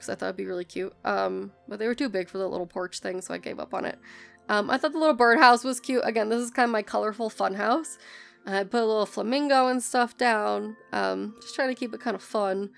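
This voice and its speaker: An American woman, a game builder, narrates a speed build in a casual, chatty voice-over while hoarse and coughing from bronchitis. Her medium-pitched voice is rough and gravelly, and she rambles with lots of ums and self-corrections over soft, faint background music.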